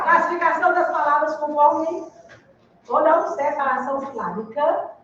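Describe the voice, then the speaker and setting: A woman's voice: sits high, slight background noise. A woman teaching Portuguese in an exam-prep lecture, explaining step by step and checking in with her students. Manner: explains step by step, asks "né?" and "entendeu?". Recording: echoey room, distant dull mic.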